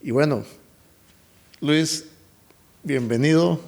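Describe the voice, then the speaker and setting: Young male host, gravelly, friendly, halting delivery. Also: a little high, a little mellow. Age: 20s. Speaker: podcast host. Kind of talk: casual interview.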